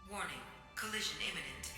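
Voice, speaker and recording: A woman voicing a calm female station computer that gives automated alerts in an even, composed announcement tone over a facility intercom. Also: on the low side, fast. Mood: steady alert. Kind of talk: video game voice acting. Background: game music.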